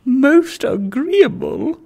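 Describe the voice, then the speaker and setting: Man doing a shrill old aristocratic lady, haughty, scandalized, very high voice, storybook reading. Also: very animated, very slow, creaky, a little mellow, full character voice. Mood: eager. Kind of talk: audiobook reading.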